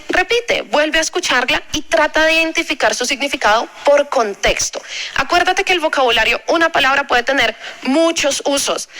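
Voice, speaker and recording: Bright high-voiced woman teaching. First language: Spanish. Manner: friendly, direct second-person coaching. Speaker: English teacher. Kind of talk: casual video lesson.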